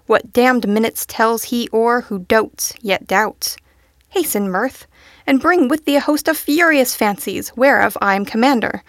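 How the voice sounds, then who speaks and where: A woman's voice: mid-range voice, no room sound, clean studio sound, natural voice. A woman voicing a giddy male butterfly who rambles through quotes and songs in a playful, sing-song way. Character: giddy dandy male butterfly, quoting nonsense.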